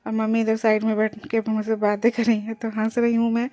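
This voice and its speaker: A woman's voice: a little high, completely flat delivery, a little fast, mellow. A young pregnant woman near her delivery narrating her day in a chatty vlog, explaining things as she goes and mixing in English words. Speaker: vlogger.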